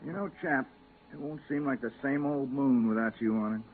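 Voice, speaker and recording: An actor playing a cynical, wisecracking moon geologist with a breezy, sardonic manner in a 1950s radio drama. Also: male voice, mid-range voice, brisk, lightly acted. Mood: joking. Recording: tinny, hissy 1950s radio recording.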